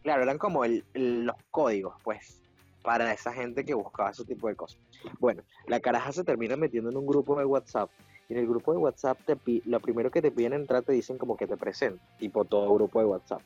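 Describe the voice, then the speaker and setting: A man with a Venezuelan accent, chatting casually on a podcast, slangy and animated, laughing often. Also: mid-range voice, fairly quick, husky. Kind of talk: casual chat. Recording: dull lo-fi sound with faint music.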